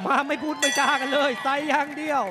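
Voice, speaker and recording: A man's voice: extremely high pitch, little pitch movement, fast talker. A man working as a Muay Thai commentator, giving chatty, jokey and exclamatory live commentary on a fight. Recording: loud music and crowd noise. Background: fight music and roaring arena crowd.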